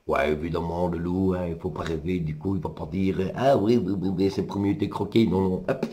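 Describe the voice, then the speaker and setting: A man's voice: low voice, fairly quick, dark tone. A man with a Brussels accent retelling a folk tale in a chatty, digressive way, full of asides and hein. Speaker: storyteller.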